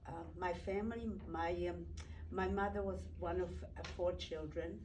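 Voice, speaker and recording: A woman, slowly recounting her memories in an interview, often pausing and restarting as she searches for words. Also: on the low side, fairly even intonation. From Poland. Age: 80s. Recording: roomy, distant mic, noisy room.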